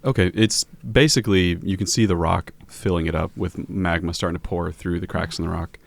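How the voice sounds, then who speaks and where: A man's voice: low voice, steady tone, fairly quick, gravelly. A man narrating casually as game master, easygoing and improvising his descriptions as he goes.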